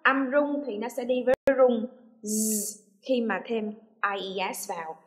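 A woman English teacher giving a lesson on plural pronunciation, who models words slowly and often checks that students follow. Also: a little high, steady tone. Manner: patient, checks understanding with repeated questions; drawn-out demonstration sounds, models words slowly. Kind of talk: classroom lesson explaining pronunciation.

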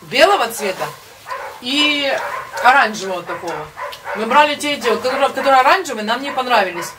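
A woman's voice: on the high side, animated, a little fast. A woman chatting and chuckling at an outdoor picnic while talking with her mouth full. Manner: chatty, chuckles between words. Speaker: mother and vlogger. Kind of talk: casual chat at an outdoor picnic. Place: outdoors in the countryside. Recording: distant outdoor camera audio with background noise. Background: dogs barking and outdoor noise.

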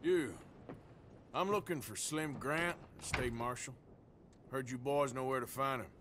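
A man playing a deadpan outlaw gunman. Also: medium pitch, unhurried, noisy background, natural voice. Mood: dry. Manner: laconic, deadpan. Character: dry-witted male outlaw gunman. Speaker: video game protagonist.

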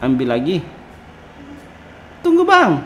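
A man's voice: a little high, huge pitch swings, slow, slight background noise. A man casually commentating a video game while playing with his child, talking to viewers and throwing out playful apologies. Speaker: gaming video host.

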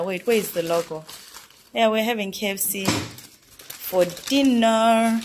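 A young adult woman with a Southern African accent and a mid-range voice chats informally for a casual vlog. She drops Bantu-language words into her talk while indoors in a small hotel room. Holding her phone at arm's length, she gets a noisy handheld recording.

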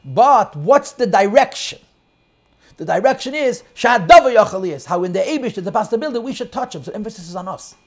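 A man teaching a Chassidic text class, explaining in English sprinkled with Hebrew and Yiddish terms and shifting between loud and soft emphasis. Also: sits high, expressive, a little fast. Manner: quotes and translates lines of text, swings loud and soft. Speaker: Torah teacher.

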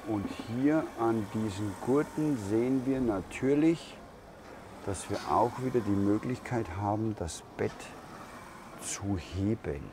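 A man giving a slow walkaround tour of a camper van at a trade fair, thinking aloud with pauses and fillers. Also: on the low side. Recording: crowd noise of a trade fair. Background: crowd chatter of a fair.

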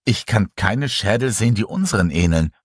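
Brief: a man reading an earnest woman scientist in an audiobook horror story, calm and explanatory, low husky tone. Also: normal speed, no room sound, clean studio sound. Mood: earnest, puzzled. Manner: thoughtful, explaining calmly.

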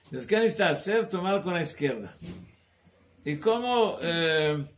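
A male rabbi giving a Torah class, talking in a halting way, searching for words and dropping in Hebrew terms. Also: a little high, animated. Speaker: rabbi teaching Talmud.

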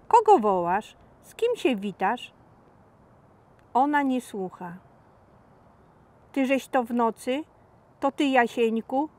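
A woman, a local resident, reading a ballad aloud with an urgent, coaxing delivery. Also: fairly high pitch. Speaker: resident reader. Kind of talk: dramatic poetry reading.

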